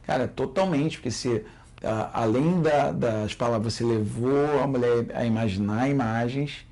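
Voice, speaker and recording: A man as a podcast guest in casual chat, relaxed and friendly with slangy asides. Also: mid-range voice, moderate pace.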